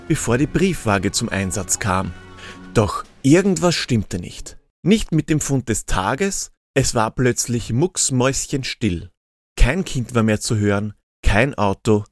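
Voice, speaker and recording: A man narrating a comic story in a playful, expressive way. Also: mid-range voice.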